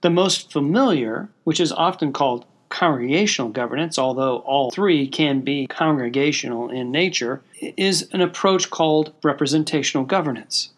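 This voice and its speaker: A man's voice: fairly high pitch, a bit bright. A man hosting a church podcast, reading a prepared talk with dry, wry humor. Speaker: podcast host.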